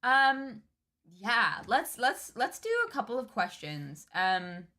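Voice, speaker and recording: A woman's voice: on the high side, lively intonation, takes it slowly, bright, forceful tone. A young woman co-hosting a casual livestream chat, talking in a chatty way with lots of fillers. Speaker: co-host.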